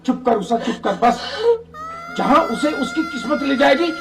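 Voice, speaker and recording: A man's voice: very high voice, expressive, normal speed, gravelly, noisy background, heavily acted. A man playing a stubborn father who harshly turns his married daughter away, in a devotional family melodrama. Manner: harsh, dismissive. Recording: loud background music score.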